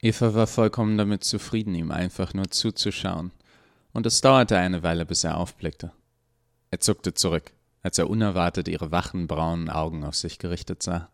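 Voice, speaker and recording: Brief: calm male audiobook narrator, low voice, dry close recording. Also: normal speed, vocal fry, no echo. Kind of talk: audiobook reading of a serial story.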